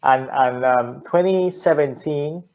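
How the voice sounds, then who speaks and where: This young man from Finland, a native Finnish speaker, is an entrepreneur being interviewed casually; he speaks earnestly, with many repetitions and restarts. His mid-range voice is darkish and slow-paced, and the sound lacks its highs.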